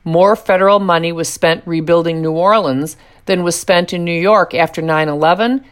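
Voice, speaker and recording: Sarcastic low-voiced woman commentator. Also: moderate pace, smooth. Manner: sarcastic, mocking delivery. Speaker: political commentator. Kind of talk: scripted political commentary.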